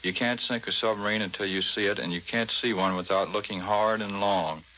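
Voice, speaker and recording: On muffled, slightly noisy 1940s radio, an American Navy patrol squadron commander gives a scripted interview in a modest, matter-of-fact way. His fairly low voice comes out fairly quick, pushed and bright, with fairly even intonation.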